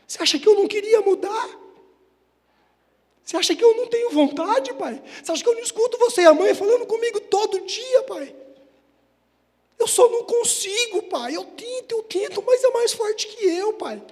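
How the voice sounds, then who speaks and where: A man's voice: extremely high pitch, animated, normal speed, darkish tone, pitched above the performer's own voice. A man voicing a young boy who pleads with his father through tears, in a choked, insistent way. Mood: tearful. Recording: long hall reverb.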